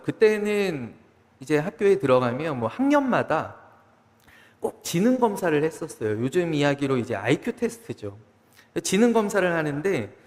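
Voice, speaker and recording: Lively male pastor preaching in a reverberant hall. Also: fairly high pitch. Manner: lively preaching, voices David's complaints to God in pleading tones. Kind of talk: sermon. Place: church sanctuary. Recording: church hall with long reverb.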